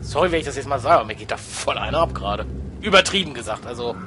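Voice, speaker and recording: A man's voice: medium pitch, expressive, fast, background noise. A man commentating a video game as he plays, muttering to himself and shrieking when startled. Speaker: let's play gamer.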